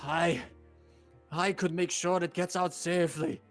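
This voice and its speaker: Man putting on a gruff old sailor, pitched up. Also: fairly even intonation, unhurried, soft background music. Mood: earnest, dutiful. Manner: archaic nautical phrasing. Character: old sailor, deferential, drenched and exhausted.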